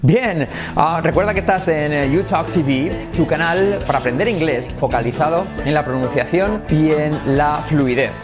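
A man runs a casual English lesson, his voice sitting a little high. He talks in a lively way, drawing out English phrases slowly to show how they sound. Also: music in the background. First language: Spanish. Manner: lively, switching between Spanish and slowed, exaggerated English examples. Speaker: English teacher.

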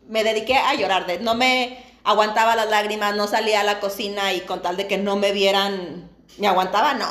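A woman's voice: medium pitch, reverberant. A woman in her thirties with a Mexican accent, co-hosting a casual chat podcast and telling personal stories openly, with frequent laughter. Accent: Mexican Spanish. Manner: candid, laughs often, animated storytelling. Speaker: podcast co-host.

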